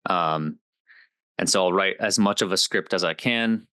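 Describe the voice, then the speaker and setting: A man's voice: sits low, a little slow, bright, forceful tone, clean tone, no echo. A man in his twenties, a comedy creator, chatting casually as a guest, upbeat and rambling with lots of fillers. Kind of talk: casual interview chat.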